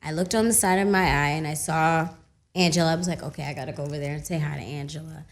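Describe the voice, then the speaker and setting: A young woman, an actress guest, chatting casually in a radio studio and telling animated stories with laughter. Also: deep voice, fast. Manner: animated storytelling, laughing, loud when excited. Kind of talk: casual radio interview chat.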